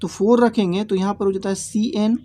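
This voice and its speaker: A man teaching a lesson in a mellow, darker voice. He goes step by step and repeats each key point. He keeps checking that his students follow with short tag questions. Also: sits high, fairly even intonation, fairly quick, slight background noise. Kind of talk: classroom lesson.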